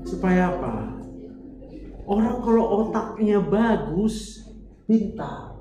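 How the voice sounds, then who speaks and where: A woman's voice: medium pitch, slow pace, lo-fi sound. A woman preaching, acting out conversations and quizzing her congregation. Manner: lively, acts out dialogues, asks the congregation questions. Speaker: preacher and doctor. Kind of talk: sermon. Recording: echoey hall with music behind.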